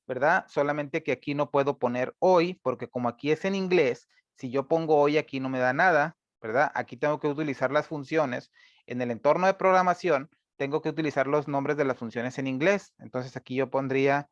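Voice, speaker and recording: A man teaching a screen-recorded programming lesson, patient and step by step, filling pauses with "eh" and checking in with "¿verdad?". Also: medium pitch, no room sound, dull audio. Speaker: instructor.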